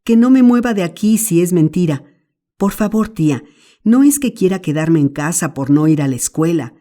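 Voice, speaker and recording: A woman's voice: lowish voice, expressive, normal speed, warm tone, pitched above the performer's own voice, natural voice. A woman voicing a mischievous boy who whimpers and pleads theatrically, in an audiobook. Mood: pleading. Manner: whimpering, melodramatic. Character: mischievous boy faking illness.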